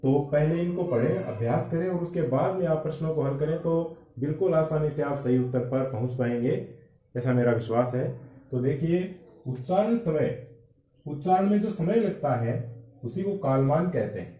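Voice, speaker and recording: A man teaching Hindi grammar for exam preparation, explaining slowly and drawing out vowel sounds. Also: fairly high pitch, warm tone, recorded from a distance. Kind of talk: exam-prep lecture. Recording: echoey room, voice from off-mic.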